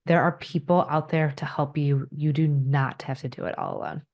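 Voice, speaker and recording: A woman's voice: low-pitched, normal speed, muffled recording. A woman accountant answering questions as a podcast guest, speaking in a direct, practical, matter-of-fact way. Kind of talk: casual interview chat.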